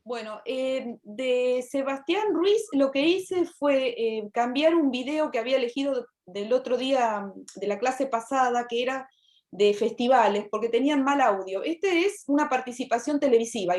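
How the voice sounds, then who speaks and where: A woman's voice: sits high, lively intonation, moderate pace, darkish tone. A woman with an Argentine accent, a university literature teacher, lecturing online and checking in with her students. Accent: Argentine Spanish. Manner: explanatory, checks in with "¿sí?".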